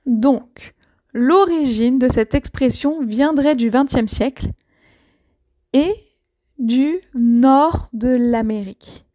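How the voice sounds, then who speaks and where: Explaining an idiom to learners, a high-voiced, mellow French teacher speaks slowly and clearly. Her patient explanations are sprinkled with many little fillers.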